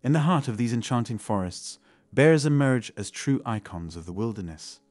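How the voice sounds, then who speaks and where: A man's voice: mid-range voice, animated, normal speed, a little mellow, no echo. A man reading scripted nature documentary narration in a polished, grandiose manner. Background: faint music.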